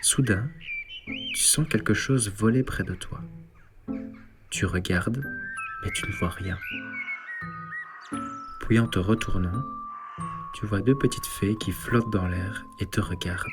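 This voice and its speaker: A man leading a guided sleep meditation and bedtime story, speaking softly and calmly. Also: lowish voice. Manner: slow, soft, calm guiding delivery. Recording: soft ambient synth music underneath.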